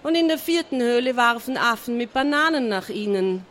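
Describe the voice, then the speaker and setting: A woman reading a children's adventure story aloud in a lively, expressive way, with small slips. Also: a little high, normal speed.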